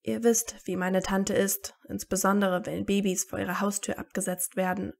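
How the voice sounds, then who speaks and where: A woman's voice: medium pitch, flat delivery, moderate pace, creaky. A woman doing a wry, tired teenage boy wizard. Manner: dry and sarcastic.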